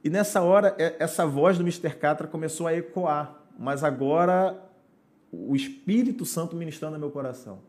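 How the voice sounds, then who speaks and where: A man's voice: on the high side, moderate pace, a little mellow. A man, a pastor, telling his conversion story on a podcast in an earnest, preacherly way. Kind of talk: podcast testimony.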